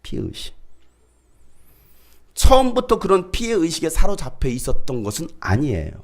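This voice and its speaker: A male pastor preaching a sermon, dramatically acting out people's complaints in raised voices. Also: high-pitched. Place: church.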